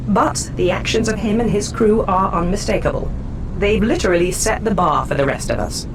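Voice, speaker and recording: A woman's voice: moderate pace, lightly acted. A woman playing a capable, candid female officer in a video game, conversational and self-assured. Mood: candid, friendly. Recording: distant voice over vehicle rumble. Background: aircraft engine rumble.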